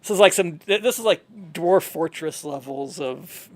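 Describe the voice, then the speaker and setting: A man's voice: high voice, animated, normal speed, no room sound. A man casually commenting on a video game, joking and improvising as he plays. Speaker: gamer reading and reacting to a game.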